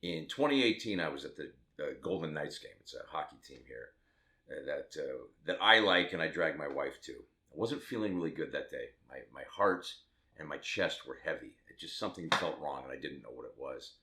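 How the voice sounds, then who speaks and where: With a very deep, bright and forceful voice, this fifty-something Las Vegas tattoo artist talks animatedly and fairly quickly. He shares his story candidly to camera, rambling and tossing in self-deprecating jokes.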